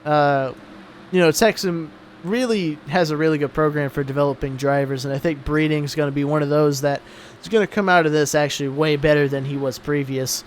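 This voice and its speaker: A man's voice: a little high, fairly even intonation, a little fast, a little hiss or hum. A young man giving casual, laid-back commentary on a sim truck race, sounding tired between calls.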